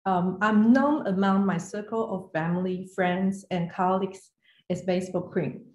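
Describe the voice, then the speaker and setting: With a steady tone and normal speed, a woman of medium pitch delivers a prepared online presentation. She comes from Taiwan and works as a finance executive, joining as a guest speaker from an indoor room on a video call. Her voice echoes, and the call audio has a roomy quality.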